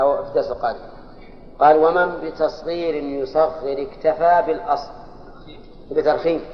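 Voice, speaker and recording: A man teaching a grammar class, explaining step by step and quizzing his students. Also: on the high side. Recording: echoey hall, dull lo-fi sound, faint hiss.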